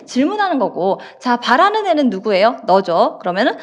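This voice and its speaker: Woman, English teacher, online lesson, fairly high voice, very animated pitch, acts out scenes, slow example sentences. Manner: lively, acts out example situations with laughs.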